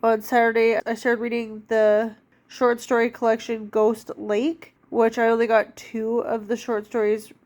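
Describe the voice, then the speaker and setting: A woman's voice: fairly high pitch, monotone, unhurried, darkish tone. A woman in her thirties with a stuffed-up cold, chatting casually about books as a vlogger, rambling with lots of fillers. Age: 30s. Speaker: book vlogger. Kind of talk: casual chat.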